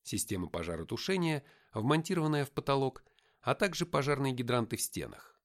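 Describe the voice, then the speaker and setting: A man's voice: mid-range voice, big pitch swings, fairly quick. A man reading a first-person audiobook narration expressively.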